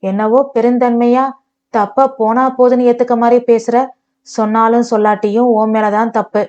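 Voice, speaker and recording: Sarcastic, accusing young husband, read by a woman, slightly high voice, dull lo-fi sound; storybook. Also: flat delivery, moderate pace, dark tone, natural voice. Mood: angry. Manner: mocking, accusing. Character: bitter sarcastic husband, young adult man.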